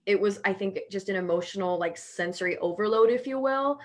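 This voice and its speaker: A woman's voice: medium pitch, brisk. A young woman from Houston, a panel guest sharing a personal story in a reflective way, full of fillers like "like.". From Houston, Texas. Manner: reflective, filler-heavy with frequent "like". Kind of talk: personal testimony in conversation.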